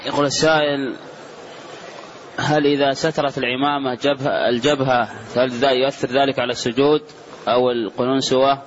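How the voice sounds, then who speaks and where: A man's voice: medium pitch, steady tone, a little fast. A man reading out listeners' questions to a scholar in a plain, formulaic way. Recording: dull lo-fi recording with faint noise.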